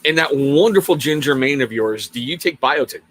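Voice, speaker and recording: A man's voice: mid-range voice, expressive, a little fast, a bit bright, slight background noise. A man hosting a casual livestream interview, upbeat and reading out viewer questions from the chat. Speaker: host.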